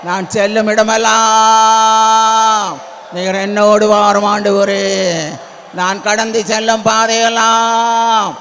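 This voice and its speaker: A man with a Tamil accent preaches in a high voice at an unhurried pace, repeating his pleas until they swell into shouted prayer. His voice rings through a church prayer hall with a long reverb tail and a faint hum of ambient noise behind it. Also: completely flat delivery. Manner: repetitive, pleading, builds to shouted prayer. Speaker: pastor. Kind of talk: sermon and loud congregational prayer.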